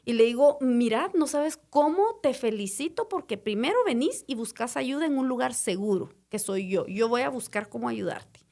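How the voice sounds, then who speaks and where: A woman's voice: a little high, animated, normal speed, a little mellow. A woman, a mother and podcast co-host, explaining at length with tag questions and restarts. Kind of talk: casual podcast chat.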